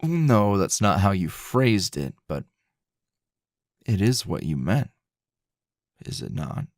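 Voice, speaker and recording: In an intimate ASMR roleplay, a man plays a grumpy middle-aged teacher cast as a teasing, possessive lover, murmuring in a low, gravelly, husky, slow drawl. His voice is sing-song and a little mellow, with a coy, seductive mood. The recording is clean studio sound with no room sound.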